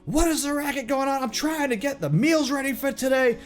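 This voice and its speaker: A man voicing a bossy elven woman who runs an inn, in a high falsetto that flips between scolding and sweetness. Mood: shrill anger. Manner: shrill, scolding, quick to calm.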